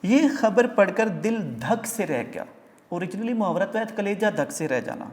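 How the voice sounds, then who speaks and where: A male teacher gives a classroom lecture that moves line by line through a text. He stops to explain pronunciation and meanings, often pausing on filler sounds. The room leaves a long reverberant tail on his voice. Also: sits high, very animated, a little mellow.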